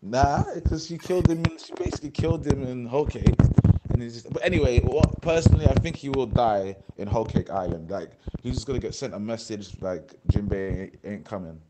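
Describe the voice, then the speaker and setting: A young man with a London accent, hosting a casual chat on a voice call, animated and swearing, often talking over his co-host. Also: medium pitch, a little fast, very noisy. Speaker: podcast host.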